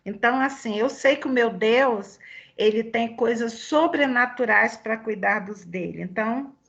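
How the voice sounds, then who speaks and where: A woman's voice: medium pitch, vocal fry, a bit bright. A woman with a Brazilian Portuguese accent leading a Bible study, chatty and fervent, sharing personal testimony in a conversational way. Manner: chatty, fervent, peppers talk with "sabe?". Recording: dull lo-fi recording.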